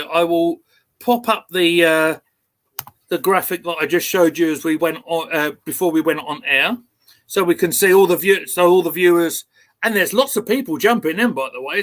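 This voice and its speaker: A man with an Essex accent and a high-pitched voice hosts a livestream. He talks casually about football, in the loose style of an online chat. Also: normal speed, a bit bright. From Essex, England. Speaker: host.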